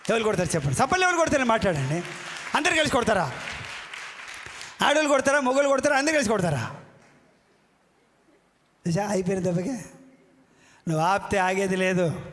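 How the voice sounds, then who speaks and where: A man's voice: high-pitched, fairly bright tone. A man preaching a fiery sermon, scolding and calling out questions to the congregation. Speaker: pastor. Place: church hall. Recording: echoey church hall.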